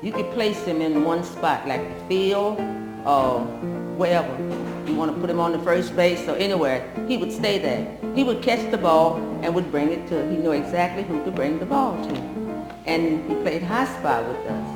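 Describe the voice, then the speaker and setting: A woman's voice: on the low side, animated, normal speed, reverberant, in a large hall, loud music behind the voice, poor audio. A woman in her sixties, a former pupil, chatting fondly about growing up and laughing as she tells it. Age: 60s. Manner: chatty, laughs while telling. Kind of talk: oral history reminiscence.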